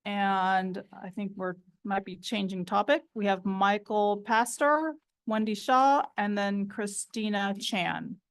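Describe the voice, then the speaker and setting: A woman's voice: mid-range voice, fairly even intonation, slow pace, hardly any pauses. A woman chairs a public meeting, calling up speakers by name in brief, polite turns. She thanks each speaker and keeps the proceedings moving. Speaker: board president chairing the meeting.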